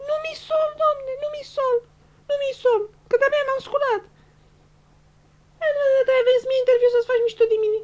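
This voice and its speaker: A shrill, stammering, weepy young bride-show winner. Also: female voice, fairly even intonation, a little mellow. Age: young adult. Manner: stuttering, repeating syllables, near tears. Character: giddy, tearful young female reality-show winner who stutters and loses words. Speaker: interviewee. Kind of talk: comedic sketch acting.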